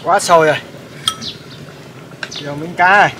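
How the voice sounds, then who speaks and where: A man's voice: a little high, normal speed, background noise. A man with a Southern Vietnamese accent hosting a casual outdoor cooking vlog, chatty and full of hesitation fillers. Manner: chatty, lots of hesitation fillers, laughs easily. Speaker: channel host.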